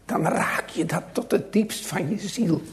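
A man preaching a sermon to his congregation, with a slow, dramatic delivery that swings between loud and hushed. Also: high-pitched. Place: church.

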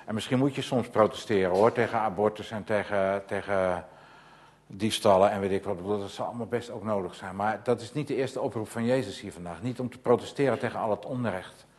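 On the low side and a little fast, a man's voice carries a sermon full of rhetorical questions. He repeats phrases with increasing insistence, rising to loud, emphatic stretches.

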